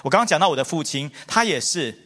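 A man's voice: fairly high pitch, quick pace. A middle-aged man preaching a sermon, telling stories with lots of repetition and calling the congregation forward. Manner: animated, repetitive, storytelling. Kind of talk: sermon with altar call. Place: church hall. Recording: long hall reverb with faint music.

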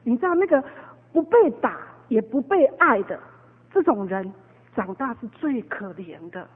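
A woman's voice: a little high, very animated, normal speed, husky. A woman preaching a sermon, telling a story with many fillers and repeated words. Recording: tinny phone-like echoey hall.

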